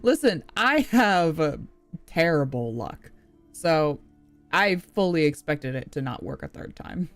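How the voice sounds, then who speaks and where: A playful young woman commenting on her video game stream in a self-mocking, swearing way. Her voice is slightly low and very lively in tone, and she talks at an unhurried pace, with faint music behind. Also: no room sound. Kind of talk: casual gameplay commentary.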